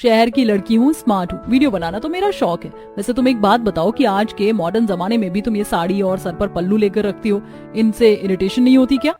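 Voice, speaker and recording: A woman's voice: medium pitch, a little fast, mellow, faint music behind, lightly acted. A woman voicing a vain, showy young city woman who mocks others. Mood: haughty. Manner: mocking, showy.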